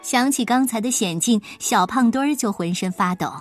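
A woman narrating a children's storybook with expressive, lively delivery. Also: a little high, normal speed, soft background music.

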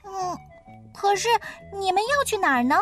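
A woman reading and doing Keke the little turtle from a storybook: a small child who is curious and eager, with a high voice that jumps up and down, asking one question after another. Faint music plays in the background. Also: expressive, normal speed, a bit bright.

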